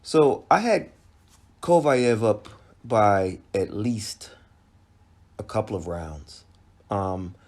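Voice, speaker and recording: Low-voiced guy talking boxing slow, lots of um and uh and restarts. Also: a little mellow. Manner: slow, halting, many restarts and fillers. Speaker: boxing commentator. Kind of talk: solo recap commentary.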